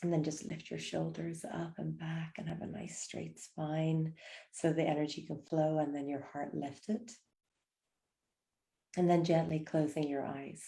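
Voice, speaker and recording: A woman leading a guided breathing meditation, speaking softly and slowly with gentle invitations. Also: sits low, flat delivery, creaky. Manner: soft, slow and soothing, gentle invitations.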